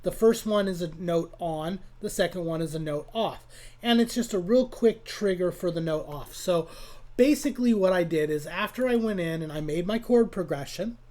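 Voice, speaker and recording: A man's voice: sits high, normal speed, mellow. Man, tutorial host, casual, rambling, profane, lots of fillers and restarts. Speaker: music production tutorial host. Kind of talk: casual screen-recorded tutorial.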